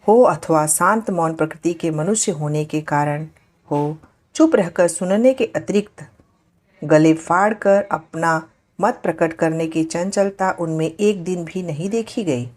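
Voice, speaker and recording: A woman storyteller reading a literary story aloud in a measured, formal manner, and greeting her channel's listeners. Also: low-pitched, a little mellow. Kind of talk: scripted story narration.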